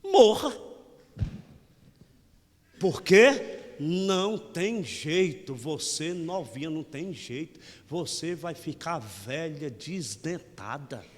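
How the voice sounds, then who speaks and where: A Brazilian man in his forties preaches a joking, folksy homily, teasing his listeners as he goes. His voice sits on the higher side for a man. Long church reverb trails each phrase. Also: animated, slow, hardly any pauses, slightly rough. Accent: Brazilian Portuguese. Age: 40s. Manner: folksy, teasing, keeps saying "meu irmão". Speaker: parish priest. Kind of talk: lively humorous homily.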